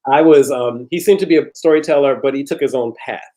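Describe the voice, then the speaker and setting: A man hosting an interview, asking questions with restarts and answering with quick affirmations. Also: medium pitch, rough recording. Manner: warm prompts, frequent short affirmations, restarts. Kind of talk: conversational interview.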